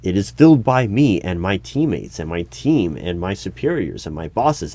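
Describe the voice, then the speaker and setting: A man with a low, mellow voice plays an exasperated, officious human resources hiring manager at a secretive agency in a one-sided interview roleplay. Flustered and indignant, he hesitates and stammers, while computer keys clatter in the background.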